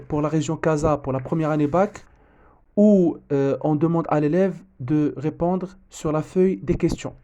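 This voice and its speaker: A man correcting an exam as a teacher, often pausing on fillers and restarting his sentences. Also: fairly high pitch, mellow. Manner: hesitant, frequent fillers and restarts. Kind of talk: exam correction lesson, reading the text aloud.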